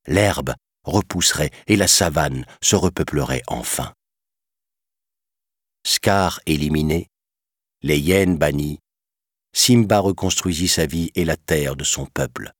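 A man tells a storybook tale in a calm, measured narration. His voice sits extremely low and moves slowly, with a husky texture. The recording is close and dry. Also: no echo.

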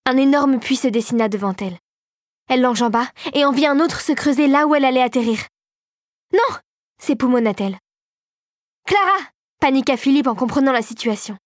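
A woman reads a storybook aloud with an expressive, scripted delivery. Her voice sits somewhat high and falls quieter in the tense moments. The recording is dry and close. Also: dry recording. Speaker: narrator.

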